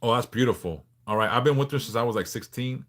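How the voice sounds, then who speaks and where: Answering his viewers on a relaxed livestream, this Southern California host, a man in his forties from Los Angeles, is candid and easygoing, stumbling into restarts now and then. He has a medium, somewhat bright voice.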